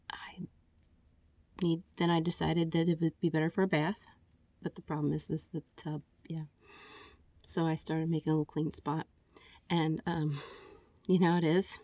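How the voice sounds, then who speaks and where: A woman's voice: on the low side, darkish tone, no room sound. A woman recording a personal video message, a little out of breath, talking candidly and rambling with restarts and fillers. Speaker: vlogger.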